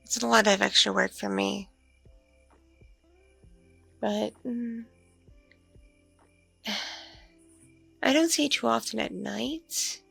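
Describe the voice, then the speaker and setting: Speaking softly and hesitantly, a woman performs an ASMR roleplay as a mature, flirtatious, spacey female vampire in a one-sided intimate conversation, relaxed and self-deprecating. Her medium-pitched voice is gravelly with a breathy edge and heavily acted, murmuring with lingering ums and mms. There's no echo, just soft background music.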